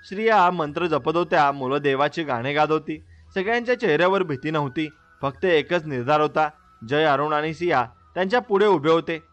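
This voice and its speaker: A man's voice: on the high side, a little fast, hardly any pauses, a bit bright. A man narrating a devotional story in a dramatic, scripted storyteller style.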